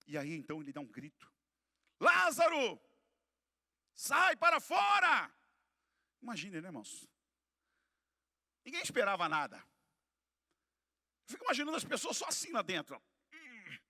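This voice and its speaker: A man with a Brazilian Portuguese accent preaching a fiery church sermon as pastor, shouting key lines and then dropping low and quiet. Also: sing-song, normal speed, long pauses, no room sound, studio quality, long reverb tail. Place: church hall.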